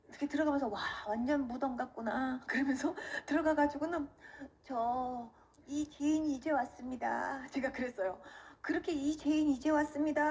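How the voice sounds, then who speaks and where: High, lively woman telling her testimony. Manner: vivid storyteller who acts out the quoted voices; emotional and earnest. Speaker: testimony speaker. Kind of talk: personal faith testimony.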